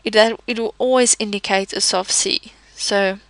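A woman's voice: mid-range voice, fairly even intonation, normal speed, fairly bright tone, no room sound, poor audio. A woman teaching a pronunciation lesson, patiently explaining each letter with example words. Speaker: language teacher. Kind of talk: slow, careful pronunciation lesson.

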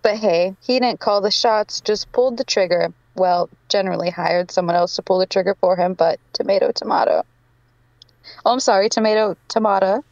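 A woman's voice: mid-range voice, fairly even intonation, brisk, few pauses, darkish tone, no echo, lo-fi sound. A woman narrating a fan fiction aloud to friends, giggling through her reading.

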